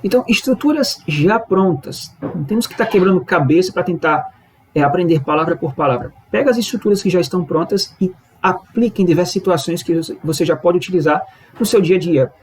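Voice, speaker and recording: Higher-voiced man teaching. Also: brisk, darkish tone, a little hiss or hum, poor audio. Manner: patient, explains step by step, checks in with "certo?". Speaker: language teacher. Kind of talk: explanatory lesson narration.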